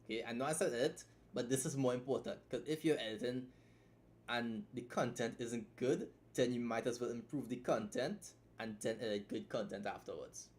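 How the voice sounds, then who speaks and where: On a live stream, a man critiques someone's story bluntly, swearing a lot, rambling, and restarting his sentences. His voice is mid-range and a little mellow, at normal speed.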